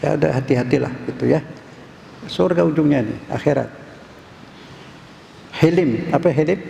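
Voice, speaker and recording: A man's voice: a little high, normal speed, gravelly, mellow. A man preaching a casual dawn sermon in a mosque, quizzing the audience and repeating key words. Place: mosque hall. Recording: echoey mosque hall, faint noise.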